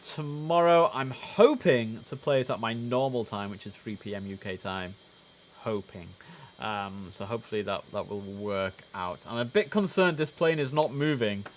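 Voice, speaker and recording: This host of a casual game livestream has a fairly low-pitched voice and talks at a normal speed. He rambles along and sometimes shifts into clipped air traffic radio lingo, while steady noise hums behind him.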